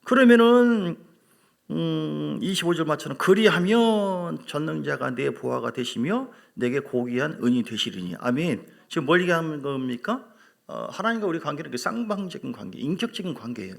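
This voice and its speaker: A man's voice: mid-range voice, creaky. A middle-aged male pastor preaching a sermon, telling stories emphatically and putting questions to the congregation. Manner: animated, emphatic storytelling with acted quotes.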